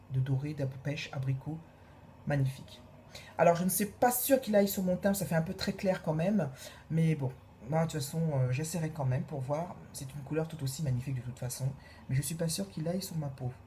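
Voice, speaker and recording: A low, mellow-voiced woman chats through a makeup review, gushing and repeating her praise with plenty of hesitations. A faint hiss of background noise sits under her voice. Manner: gushing, repeats praise words, many fillers. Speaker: beauty vlogger.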